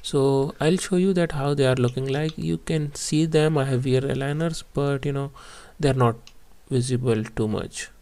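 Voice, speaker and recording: A man vlogging while wearing clear teeth aligners and in pain from them, explaining in a plain, halting way with many fillers. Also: mid-range voice, dark tone. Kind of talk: casual vlog walkthrough.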